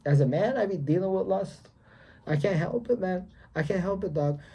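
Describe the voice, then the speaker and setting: A man's voice: high voice, animated, moderate pace, dark tone, breathy edge. Emphatic young man preaching casually. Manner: emphatic and preachy, repeats himself, slangy. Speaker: vlogger. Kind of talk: casual faith vlog monologue.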